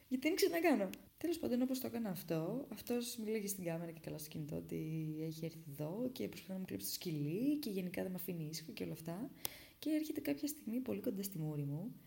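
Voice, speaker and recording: Young woman from Greece, vlogger telling her own story; low, gravelly voice, dark tone, dramatic whisper-to-burst delivery. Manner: dramatic retelling that swings between hushed whispers and loud bursts. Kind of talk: casual storytelling.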